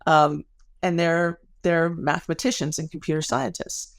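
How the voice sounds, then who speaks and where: As a guest on a podcast, a middle-aged academic researcher talks through ideas with care and reflection, often revising what she's just said. She speaks at normal speed in a gravelly voice on the low side, and the recording is dry.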